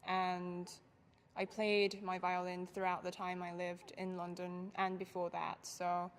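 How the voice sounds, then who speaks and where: A woman's voice: lowish voice, monotone, unhurried, clear, resonant tone. A young woman from Japan, a violinist, giving thoughtful interview answers with light laughs.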